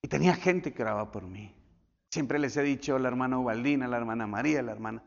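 A male pastor telling stories in a sermon, swinging from loud, high bursts to hushed, near-whispered lines. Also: quick pace, creaky. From Colombia. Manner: animated storytelling with sudden drops to near whisper. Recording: dull echoey church hall.

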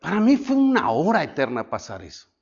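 A man preaching a sermon as pastor, swinging between loud shouts and hushed lines. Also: fairly high pitch, huge pitch swings, fairly quick, long reverb tail, lo-fi sound. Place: church.

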